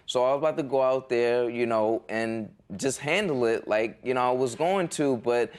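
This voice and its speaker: A man's voice: medium pitch, moderate pace. A man in his twenties giving informal, rambling testimony as a litigant in a TV courtroom. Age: 20s.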